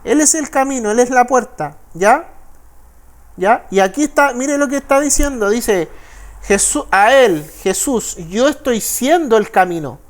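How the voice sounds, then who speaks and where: A man with a Chilean Spanish accent, a pastor teaching the Bible in a sermon. He reads verses slowly and keeps checking with listeners. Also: very high voice, lively intonation. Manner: frequent tag questions, slow deliberate verse reading.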